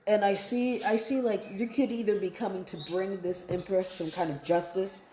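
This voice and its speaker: A tarot card reader speaks in a mellow mid-range voice with fairly even intonation at a moderate pace, in an echoey room with poor audio. She delivers a casual, improvised reading straight to her viewers, conversational and repetitive, often checking in with "right?" and "okay?".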